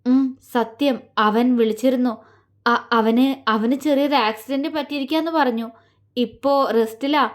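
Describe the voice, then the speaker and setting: Female narrator doing a calm young man, soft and reassuring, in a higher voice. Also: unhurried. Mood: soothing. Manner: soothing, reassuring. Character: gentle young man comforting his sister.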